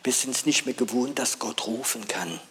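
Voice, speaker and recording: Preacher swinging from hush to urgent calls. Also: male voice, medium pitch, moderate pace, slight background noise. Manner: swings between hushed near-whispers and loud urgent calls; asks the audience questions. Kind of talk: sermon.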